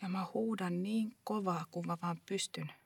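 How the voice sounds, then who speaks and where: Husky woman performing a hushed monologue. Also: fairly low pitch, fairly even intonation. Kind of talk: dramatic first-person monologue.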